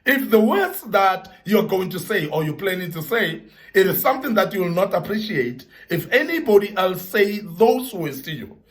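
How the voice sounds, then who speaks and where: A man's voice: sits high, sing-song, moderate pace. A man giving an earnest motivational talk to young men, repeating key points for emphasis and citing the Bible.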